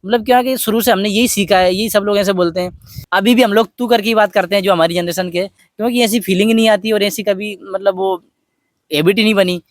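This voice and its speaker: Guy in a vlog, soft heartfelt storytelling, fairly high voice, dry close sound. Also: steady tone, a little fast, dry recording. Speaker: vlogger. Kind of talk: personal reflective talk.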